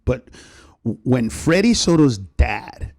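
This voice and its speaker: A middle-aged male comedian, a podcast guest, telling a story in a rapid, profane way and acting out the voices in it. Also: medium pitch, big pitch swings, vocal fry, darkish tone. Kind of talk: animated storytelling in a podcast chat.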